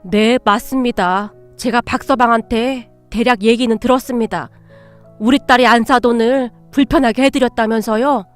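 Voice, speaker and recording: A woman voicing an older man, the calm and polite father of a daughter-in-law, speaking slowly and formally. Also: on the high side, faint music behind, natural voice. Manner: slow, formal and courteous.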